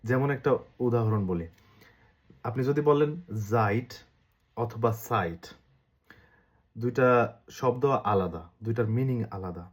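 A man with a Bangladeshi accent giving a casual lesson, repeating sounds slowly to demonstrate pronunciation. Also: medium pitch, darkish tone. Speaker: language teacher.

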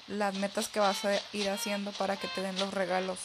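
A young woman, chatting excitedly while playing a game on a live stream. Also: medium pitch, over music. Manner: chatty, excitable, quick laughs. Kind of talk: casual live-stream chat.

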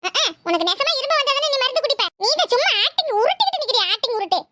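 A woman's voice: very high-pitched, very animated, racing, heavy background noise. A woman voicing a mischievous young grandson in a cartoon, teasing and sassy, with a Tirunelveli Tamil accent.

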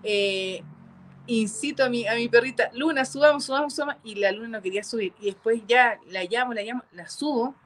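A woman telling a frightening personal experience, halting and repeating herself with nervous laughs. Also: a little high, a bit bright. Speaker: caller telling a paranormal experience. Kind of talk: emotional first-person storytelling.

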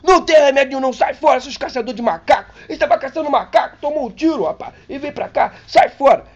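A man voicing a stern, indignant male doctor who scolds loudly. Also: very high voice, lively intonation, fast talker, pitched above the performer's own voice. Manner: indignant, loud, threatening. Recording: dull lo-fi recording.

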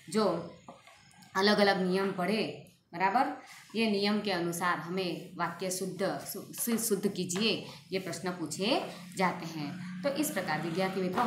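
A woman teacher giving a school Hindi grammar lesson, explaining slowly, repeating examples and often checking with her students. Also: fairly low pitch. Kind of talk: recorded class lesson. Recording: echoey room with faint ambient noise.

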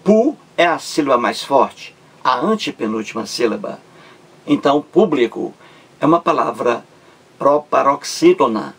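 A man's voice: medium pitch, lively intonation, measured pace, husky. A man teaching a Portuguese grammar lesson on video, stretching out syllables and repeating words to stress them.

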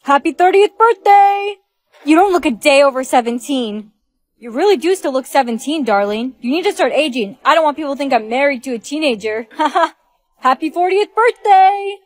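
A woman's voice: sits high, expressive, normal speed, no echo. A young woman acting many roles in comedy skits, teasing and blunt. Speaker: skit co-actor.

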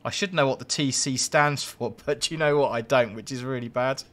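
Bloke chatting away to his stream chat, bright tense voice, jokey asides. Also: mid-range voice, normal speed. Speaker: live-stream host and train driver. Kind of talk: live-streamed gameplay commentary.

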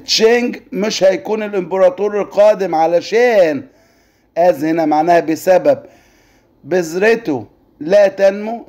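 Male Egyptian teacher, higher pitch, warm mellow tone, careful drawn-out classroom delivery. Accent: Egyptian Arabic. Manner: slow careful word-by-word reading, drawn-out model pronunciation. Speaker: English teacher. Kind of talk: classroom lesson explanation.

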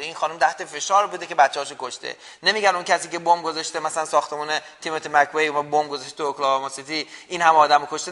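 A man's voice: on the high side, a bit bright, big-room sound. A man hosting a call-in show, arguing and lecturing his caller in a heated debate. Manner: argumentative, lecturing.

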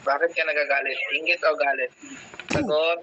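A man's voice: a little high, steady tone, normal speed, pushed and bright, highs cut off, slight background noise. A man acting as a healer's helper, insistently questioning a possessed person and repeating his demands.

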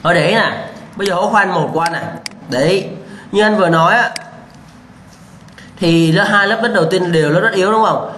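With a high-pitched, fairly bright voice, this male civil engineering lecturer quizzes students through rhetorical questions, says the key answers more than once, and gives blunt warnings about errors. The room echoes, and a faint background hum is audible.

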